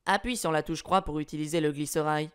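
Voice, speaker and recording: A man's voice: fairly high pitch, fairly even intonation, fast, fairly bright tone, smooth, voice pushed down, close to an everyday voice. A man voicing a helpful inventor who explains upgrades and controls to the hero of a video game. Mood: explaining.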